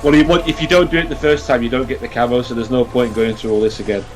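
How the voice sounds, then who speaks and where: Against video game music, a man gives casual let's play commentary and chat, explaining what to do and swearing now and then. His mid-range voice is steady in tone and races along.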